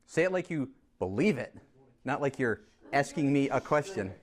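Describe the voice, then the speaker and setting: Lively male chemistry teacher in class. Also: mid-range voice, moderate pace. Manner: lively, teasing, coaxes students to answer. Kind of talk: classroom lesson.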